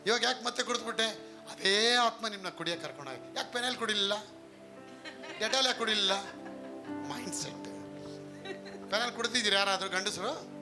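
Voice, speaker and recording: A male pastor preaching a live sermon, emphatic, often asking the congregation questions. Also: sits high.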